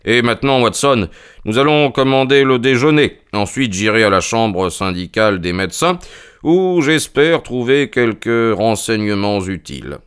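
A cool, ironic detective with a smooth, clear voice, reasoning aloud without ever losing his composure, as a man reads him. His tone stays dry and faintly mocking in this storybook drama. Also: mid-range voice, animated, moderate pace, a bit bright, lightly acted. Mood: amused. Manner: unruffled, dryly ironic. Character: sharp, calm, ironic male detective. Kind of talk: dramatized audiobook reading.

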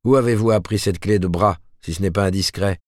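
A man's voice: low voice, brisk, no room sound, studio quality, natural voice. A man reading aloud and voicing a jovial editor who was once a boxing champion, speaking in a hearty, good-humoured way.

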